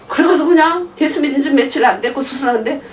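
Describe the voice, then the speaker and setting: Preaching a sermon full of stories, a middle-aged woman speaks a little fast in a high voice, playing both roles in each dialogue and laughing often. She is animated throughout. The audio comes from an echoey room at a distance, and there is slight background noise.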